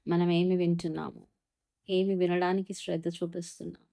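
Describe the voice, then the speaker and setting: An earnest woman gives a devotional Bible talk in a mellow, fairly low voice. She speaks straight to the listener and slows down to read scripture verses with care. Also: little pitch movement, vocal fry. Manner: earnest, addresses the listener directly, reads verses slowly.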